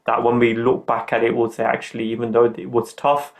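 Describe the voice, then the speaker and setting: A man's voice: mid-range voice, monotone, fairly quick. A middle-aged man hosting a podcast, talking in an earnest, upbeat, motivational way. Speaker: podcast host.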